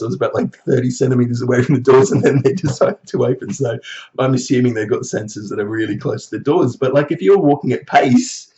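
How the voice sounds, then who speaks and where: A man telling a story in a casual vlog, animated and swearing, mocking others in high voices. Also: highs cut off. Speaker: vlogger.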